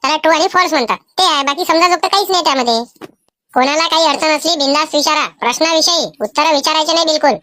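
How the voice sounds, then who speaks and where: A woman's voice: high-pitched, fast, pushed and bright. A woman voicing a strict female schoolteacher in a cartoon, scolding and lecturing pupils in a Vidarbha Marathi accent. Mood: stern scolding. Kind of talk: animated cartoon voice acting.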